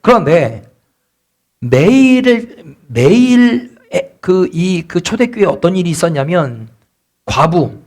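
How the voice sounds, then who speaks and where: High-voiced male pastor preaching. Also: very animated, slow, darkish tone. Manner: asks the congregation rhetorical questions; acts out complaining church members in quotes. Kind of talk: sermon. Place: church sanctuary.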